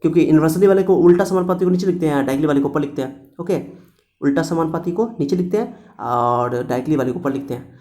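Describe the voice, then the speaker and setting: Guy teaching physics, voice a bit high, keeps repeating stuff and quizzing himself, loud then quiet. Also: fast talker. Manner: repetitive, coaxing, asks and answers his own questions. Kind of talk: classroom-style lecture to students.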